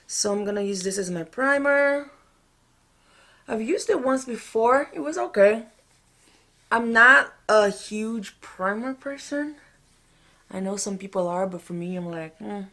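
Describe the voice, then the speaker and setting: A woman's voice: medium pitch, a little slow, long pauses, bright, forceful tone. A woman talking informally through a get-ready-with-me makeup tutorial, thinking aloud as she goes. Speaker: makeup vlogger.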